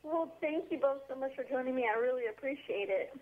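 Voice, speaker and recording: A woman's voice: high voice, fairly quick. A woman interviewing two guests, asking questions in a bubbly, enthusiastic way. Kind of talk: interview hosting. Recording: tinny phone line with faint noise.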